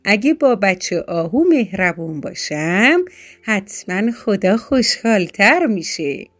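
A woman voicing a cheerful, gentle little bear cub in a children's storybook, speaking earnestly and with wonder. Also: mid-range voice, sing-song. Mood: musing.

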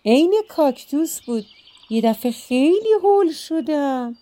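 A woman's voice: sits high, lively intonation, warm tone, pitched above the performer's own voice. A woman voicing a flustered, motherly older housewife who exclaims and frets in a children's story. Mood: defensive.

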